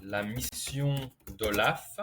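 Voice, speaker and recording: A man tutoring beginners, telling a silly story slowly, repeating key words and checking that learners follow. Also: medium pitch, a bit bright, a little hiss or hum. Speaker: language tutor. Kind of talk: slow storytelling lesson for beginners.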